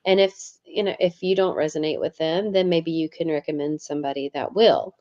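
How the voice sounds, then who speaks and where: In a casual interview, a woman guest who is a yoga teacher and author earnestly shares her experiences, frequently repeating words as she begins a phrase. Her voice is low and steady, a little fast, and the recording's highs are cut off.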